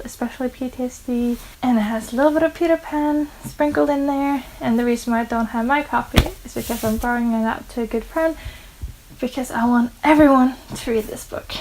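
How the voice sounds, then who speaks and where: In a casual talk to camera, a book vlogger from Norway, aged twenty-one, describes her reading habits in English, her second language after Norwegian. She's chatty and earnest as she lists facts about herself. Her voice sits high and slightly mellow, on a low-quality recording with a bit of background noise.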